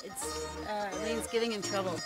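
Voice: mid-range voice, fairly even intonation, moderate pace. An adult chatting casually outdoors in a friendly way. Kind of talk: casual chat. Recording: music playing loudly over it.

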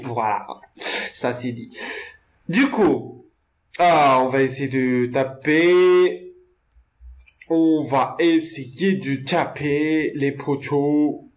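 A young man talks through his gameplay at an unhurried pace, his voice sitting a bit high for a man. He jokes and rambles to his viewers and keeps stumbling over repeated words. He sounds close to a desk microphone. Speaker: gamer narrating his own play. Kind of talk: casual let's-play commentary.

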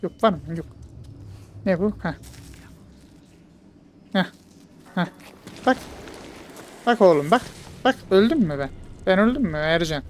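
A man giving casual let's play commentary, jokey and excitable, bantering with game characters. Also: high-pitched, unhurried, long pauses, a little hiss or hum. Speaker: gamer.

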